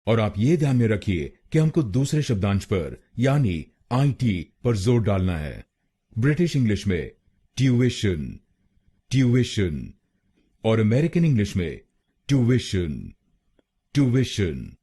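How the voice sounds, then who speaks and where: Male Indian pronunciation tutor, lively pitch, drills words syllable by syllable. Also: husky. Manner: slow, deliberate, repeating words syllable by syllable. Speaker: pronunciation teacher. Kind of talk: Hindi pronunciation lesson.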